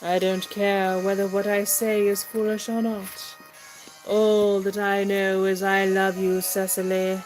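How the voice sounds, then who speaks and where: A woman playing a lovestruck, impulsive young gentleman suitor in a comic stage play, with halting, effusive declamation. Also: mid-range voice, level tone, faint music behind, natural voice, poor audio. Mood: passionate.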